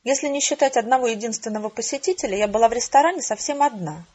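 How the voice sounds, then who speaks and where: A woman narrates a first-person audiobook in a measured, dry and even way. Her voice is husky and sits slightly high. The recording sounds dull and lo-fi.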